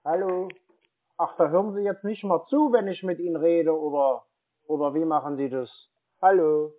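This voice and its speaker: Pretending to be a dissatisfied customer, a man scolds at length and keeps insisting during a recorded phone call. He speaks at a moderate pace in a voice on the high side, with narrow, tinny audio.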